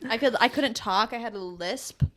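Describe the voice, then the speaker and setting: A woman's voice: fairly high pitch, normal speed, a bit bright. A young adult woman co-hosting a podcast, telling stories in rambling casual chat, often laughing and correcting herself. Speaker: podcast co-host.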